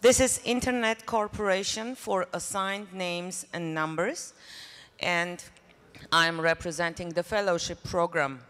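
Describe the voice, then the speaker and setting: Slow-spoken woman from Armenia in a reverberant hall. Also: fairly low pitch, steady tone, fairly bright tone, clean tone. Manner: friendly, addresses the audience directly. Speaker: conference presenter. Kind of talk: conference presentation. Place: conference hall.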